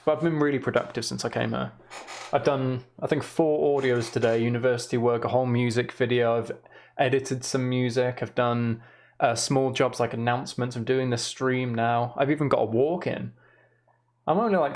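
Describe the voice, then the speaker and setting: A young man chats casually and in a rambling way as he livestreams, his creaky voice echoing around an emptied room. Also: medium pitch. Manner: rambling, chatty. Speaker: streamer. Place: emptied room in a house, indoors. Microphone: microphone attached to a shelf.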